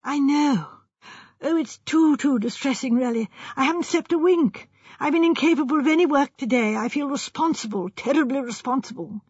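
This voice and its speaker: A woman's voice: sits high, moderate pace, a little mellow, no room sound, lo-fi sound, voice pushed up. A woman voicing a distraught young male architect in an audiobook, with a stammering, pleading, ladylike way of speaking. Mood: distressed.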